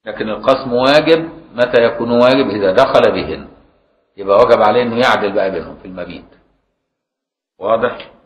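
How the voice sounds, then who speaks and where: A man's voice: on the low side, fast. A man with an Egyptian accent, a religious scholar teaching a classical law text, explaining in a colloquial way and asking rhetorical questions. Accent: Egyptian Arabic. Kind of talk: classroom lecture on Islamic law. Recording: roomy, dull lo-fi lecture recording.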